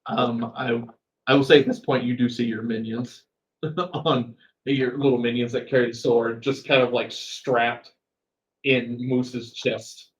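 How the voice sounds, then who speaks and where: A man's voice: medium pitch, fairly even intonation, measured pace, poor audio. A man narrating as game master of a tabletop game, rambling with fillers and chuckles.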